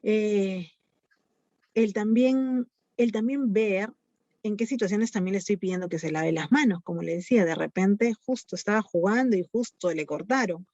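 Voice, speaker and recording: Speaking at a normal speed with a mellow, medium-pitched voice, a woman psychologist explains things to parents during an online Q&A talk. Her Peruvian Spanish accent comes through, along with frequent "eh" and "este" fillers. The sound is dull, lo-fi and dry, with no echo.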